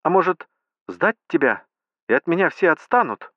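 A furious wife shrieks down the phone in a piercing high voice, put on by a male reader. Her pitch leaps all over the place. The voice sounds dry and a little dull. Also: very animated, moderate pace, no echo. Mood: cold. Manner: shrill, screaming.

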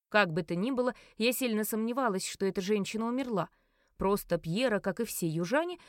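A woman narrating a first-person novel as an audiobook, reading expressively and giving the heroine's quoted lines a sharp, commanding edge. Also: medium pitch, no room sound, studio quality.

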